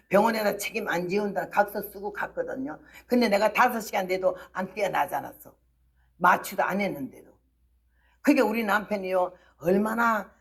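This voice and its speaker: A woman missionary gives a testimony sermon at an early morning service. She tells the story with animated energy and voices the people in it herself. Now and then she rises to a shout or bursts out laughing. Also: mid-range voice. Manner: lively storytelling, acting out the people she quotes. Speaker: missionary preacher.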